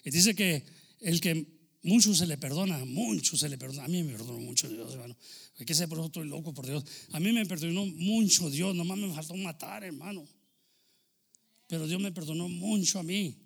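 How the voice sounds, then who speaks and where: A pastor delivers a sermon in a gravelly, fairly high voice. He is a man who swings from ringing exclamations down to quiet asides, slipping the odd English phrase into his preaching. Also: normal speed.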